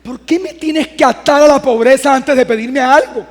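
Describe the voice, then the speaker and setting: A worried, gloomy older mother frets in a plaintive, fearful voice, as a preaching man quotes her. The voice sits very high and rings with hall reverb. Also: moderate pace. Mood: fretful.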